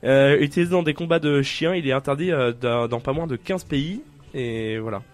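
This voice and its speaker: Male radio host, mid-range voice, dry deadpan humor, hesitant delivery. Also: medium pitch, moderate pace. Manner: deadpan absurd jokes, frequent "euh" fillers. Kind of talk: casual radio chat, reading a list.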